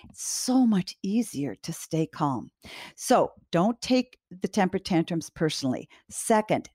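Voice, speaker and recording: A woman host giving parenting advice directly to parents, calm, firm and reassuring. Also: lowish voice, no echo, clean studio sound.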